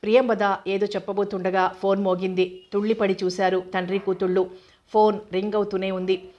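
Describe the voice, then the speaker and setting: A woman narrating a novel aloud in a steady, even reading style. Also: medium pitch, a little fast, muffled recording. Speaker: audiobook narrator.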